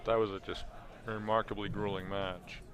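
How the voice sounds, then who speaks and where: A man's voice: lowish voice, level tone, normal speed, crowd noise. A man giving color commentary at a handball match, offering opinionated analysis with a joking streak. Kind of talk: live sports commentary. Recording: noisy live event broadcast.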